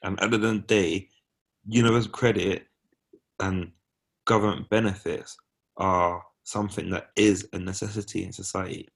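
A man with a fairly low voice shares opinions in a casual discussion. He is emphatic, breaking his points into short, firm phrases. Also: steady tone, moderate pace, creaky, fairly bright tone.

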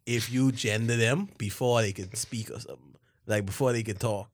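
A man's voice: fairly low pitch, fairly even intonation, moderate pace, no room sound, clean studio sound. A man in casual group banter with a slangy, teasing way of talking.

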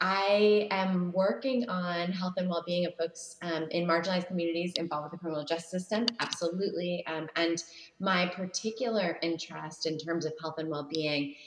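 Thoughtful lowish-voiced woman in an echoey room. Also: steady tone, normal speed. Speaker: guest researcher. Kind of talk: interview answers. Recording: roomy, echoey remote connection.

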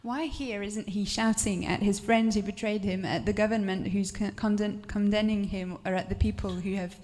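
A woman interpreting a sermon line by line in a steady voice, with the odd restart. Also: mid-range voice, normal speed, big-room sound.

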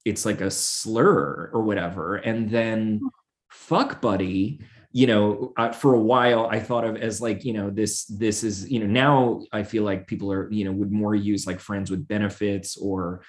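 Lower-voiced man musing on air. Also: steady tone. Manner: musing, halting, many fillers and restarts. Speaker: podcast co-host. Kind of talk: casual chat.

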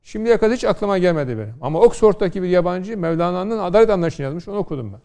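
A man's voice: high voice, expressive, racing, mellow. A middle-aged man from Konya, a law scholar on a studio panel, lecturing and telling stories with rhetorical questions. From Turkey, Konya.

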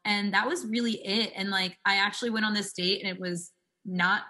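Chatty bright-voiced young woman. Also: medium pitch, steady tone, brisk. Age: 20s. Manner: chatty, fills speech with "like". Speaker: singer guest. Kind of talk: casual storytelling interview.

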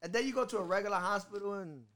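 A man telling crude stories in a casual podcast chat, animated and profane. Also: high voice, very fast. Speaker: podcast co-host.

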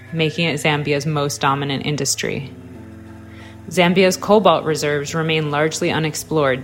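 A woman narrating a scripted radio documentary in a measured, serious, carefully enunciated way. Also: deep voice. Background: music behind the voice.

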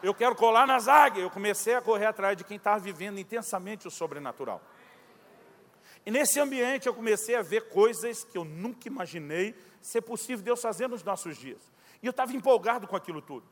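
A man's voice: high voice, brisk, long reverb tail. A Brazilian man in his forties preaching a sermon, telling a story and acting out both sides of a conversation. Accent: Brazilian Portuguese. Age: 40s. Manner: animated storyteller acting out dialogue.

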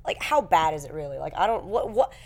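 A woman co-hosting a podcast in casual chat, giggly and playful, quick to tease. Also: low voice, expressive, a little mellow. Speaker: podcast co-host.

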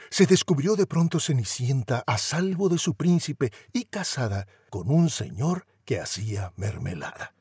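A man's voice: mid-range voice, darkish tone, slightly rough, no echo, studio quality. A man, a professional voice actor, reading a rhyming story in a theatrical, comic way.

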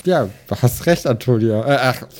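A man's voice: medium pitch, expressive, moderate pace, heavy background noise. A man hosting a quiz round, reading out quotes in an easygoing, slightly hesitant way. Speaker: podcast host reading quotes.

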